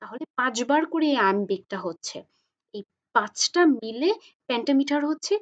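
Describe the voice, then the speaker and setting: A woman giving an explanatory lecture on poetry, patiently asking and answering her own questions and slowly drawing out English examples. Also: on the high side, expressive, lo-fi sound. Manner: slows and stretches English examples.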